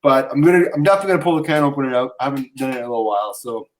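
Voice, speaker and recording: A man's voice: medium pitch, expressive, very fast, low-quality recording. A man, an arm wrestler, talking cocky and boastful in casual chat.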